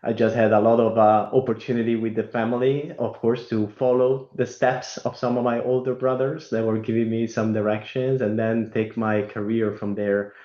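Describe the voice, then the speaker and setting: A man from Italy, speaking as an interview guest in a halting way with many fillers and restarts. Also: medium pitch, flat delivery, dark tone. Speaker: guest, company executive. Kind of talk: conversational interview. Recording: roomy, dull lo-fi remote audio.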